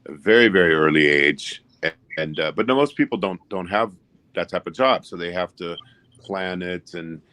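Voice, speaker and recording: A man in his fifties speaking in casual chat, giving measured, encouraging advice. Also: low voice, pushed and bright, no room sound. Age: 50s.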